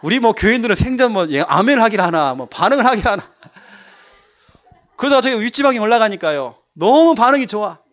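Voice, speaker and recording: A male pastor preaches a sermon in a high-sitting, animated, slightly bright voice at a quick pace. He's emphatic, repeating key words to urge the congregation on. The church recording sounds dull and lo-fi.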